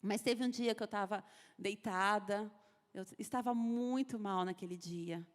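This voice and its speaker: A woman's voice: mid-range voice, a little slow. A Brazilian woman giving an earnest, emotional personal testimony at a women's church service, repeating phrases as she tells her story. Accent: Brazilian Portuguese. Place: church sanctuary. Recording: echoey church hall.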